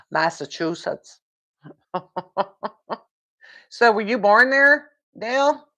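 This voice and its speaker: Chatty, slow-talking woman streamer. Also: fairly high pitch, bright, forceful tone. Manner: rambling, chatty, laughs often, answers viewer comments. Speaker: live stream host. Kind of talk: casual live stream chat. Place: home.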